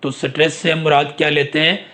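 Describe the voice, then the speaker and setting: A man's voice: on the high side, little pitch movement, fairly quick, sharp tone. A man lecturing on literary terms, asking questions and then answering them, and drawing out key English phrases for emphasis.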